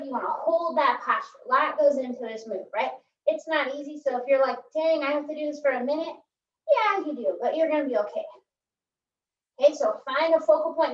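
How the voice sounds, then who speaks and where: A woman's voice: sits high, reverberant, recorded from a distance, highs cut off, a little hiss or hum. A woman leading a pilates core workout, chatty and upbeat, counting reps aloud while she exercises and often asking "right?". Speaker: pilates instructor. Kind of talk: workout instruction.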